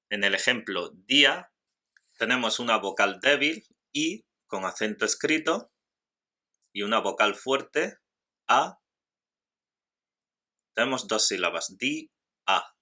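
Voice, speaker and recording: A man teaching a grammar lesson in scripted narration, slowly and carefully spelling out syllables. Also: lowish voice, pushed and bright.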